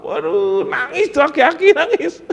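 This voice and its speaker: A man teaching a religious study session, telling stories in an animated way, acting out the voices and often laughing. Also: very high-pitched, measured pace, gravelly. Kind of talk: storytelling sermon. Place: pesantren prayer hall. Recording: echoey hall.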